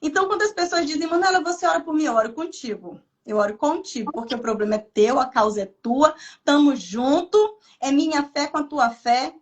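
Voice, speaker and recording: High-voiced Brazilian woman telling a testimony. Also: fairly quick. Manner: animated storytelling, acts out her own inner dialogue. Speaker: missionary guest. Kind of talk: testimony in a podcast conversation.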